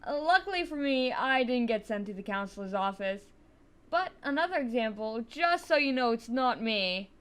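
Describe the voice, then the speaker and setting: A woman's voice: fairly high pitch, animated, moderate pace, fairly bright tone, smooth. A teenage girl narrating a scripted storytime in a chatty, wry way.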